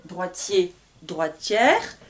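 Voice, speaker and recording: A woman teaching a grammar lesson, spelling out letters and repeating word pairs slowly. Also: lowish voice, sing-song, recorded from a distance, a little hiss or hum. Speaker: French teacher.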